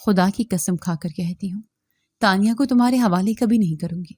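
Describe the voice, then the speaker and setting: A woman's voice: medium pitch, darkish tone, dry recording, clean studio sound, lightly acted. A woman voicing a brave, suffering mother who speaks firmly and defiantly. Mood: defiant, urgent. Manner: firm, defiant.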